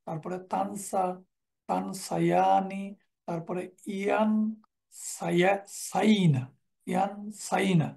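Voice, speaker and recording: Man, Arabic grammar teacher, recorded lecture, slightly rough gravelly voice, recites verb conjugations and verses. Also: high voice, darkish tone. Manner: drills verb forms aloud, reciting Quran verses in between.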